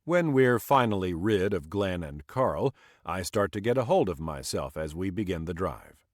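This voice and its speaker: A man's voice: sits low, expressive, moderate pace, no echo, clean studio sound. A man narrating an audiobook in scripted style, voicing the dialogue with small shifts for each character.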